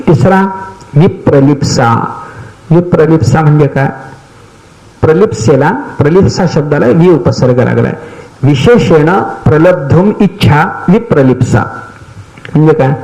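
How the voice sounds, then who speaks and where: A man's voice: a little high, darkish tone, poor audio. An older man giving a devotional discourse, explaining terms step by step and telling stories, often asking his listeners if they follow. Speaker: spiritual teacher giving a discourse.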